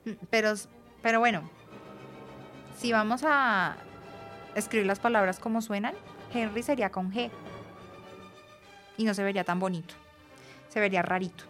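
A woman co-hosts a casual radio talk show. She explains things in an easy conversational flow at a middling pitch. Faint music runs under her voice. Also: moderate pace, pauses often. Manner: conversational, explains with gentle laughs. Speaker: radio co-host from an institute for the blind.

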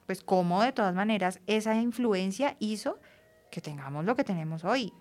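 A woman's voice: medium pitch, expressive, moderate pace, soft background music. Woman co-hosting a radio chat. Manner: conversational, explains with gentle laughs. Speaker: radio co-host from an institute for the blind.

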